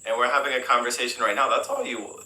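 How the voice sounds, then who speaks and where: An American English teacher answers interview questions in a relaxed, rambling way, full of fillers and restarts. His mid-range voice moves at a quick pace, and the recording is rough and reverberant.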